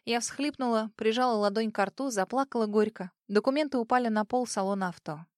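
A young adult woman narrating a dramatic story in the first person, with an emotional, expressive reading. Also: a little high, brisk, no room sound, clean studio sound. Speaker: audiobook narrator.

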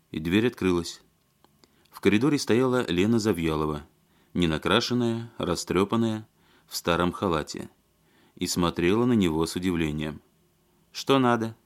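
A man reading an audiobook in scripted narration, measured and even. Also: sits low.

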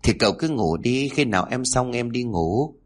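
A man voicing a meek, obedient young daughter-in-law who speaks softly. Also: medium pitch, expressive, moderate pace, close to an everyday voice. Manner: soft, submissive.

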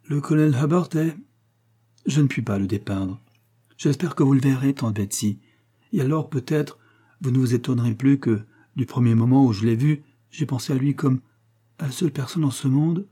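Brief: earnest young heroine in a storybook reading, pleading and emotional, dark husky tone, played by a man. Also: mid-range voice, normal speed, close to an everyday voice. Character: young woman, earnest and lovesick.

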